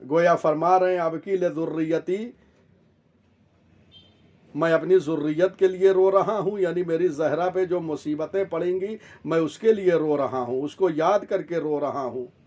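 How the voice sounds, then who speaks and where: A male religious scholar delivering a sermon with measured, rhetorical repetition. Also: on the high side, a little mellow. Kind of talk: Shia majlis sermon.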